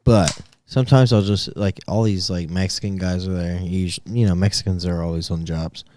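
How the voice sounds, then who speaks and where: A man's voice: sits low, fairly even intonation, normal speed, a little mellow. A man co-hosting a podcast in casual chat, joking crudely, swearing freely and laughing often. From Indiana. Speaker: podcast co-host.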